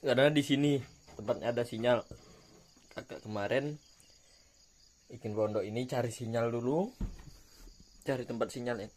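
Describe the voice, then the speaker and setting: A man's voice: mid-range voice, moderate pace, long pauses, a little mellow. A man talking casually to his viewers in a vlog from a rural hut, addressing them as friends and repeating himself. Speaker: vlogger. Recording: noisy outdoor audio with roosters clucking.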